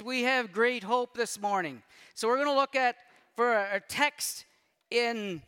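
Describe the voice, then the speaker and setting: A man delivers a sermon from a church sanctuary, his voice high, clear and resonant. He moves between reading scripture aloud and chatting with the congregation. A long reverb from the hall trails every phrase. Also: bright, forceful tone. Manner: reads scripture aloud with conversational asides. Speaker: pastor.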